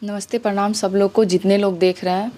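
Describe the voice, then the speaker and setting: A woman with a Bihari accent gives her account as an interview guest, sounding indignant and challenging and often asking rhetorical questions. Her medium-pitched voice is level, brisk and warm.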